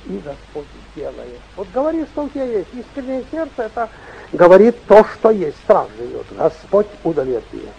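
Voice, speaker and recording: A man's voice: high voice, big pitch swings, fairly quick, creaky, warm tone, breathy edge, highs cut off. An older man, a bishop, preaching in a rambling, repetitive folksy way, heard on an old dictaphone tape recording. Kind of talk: sermon.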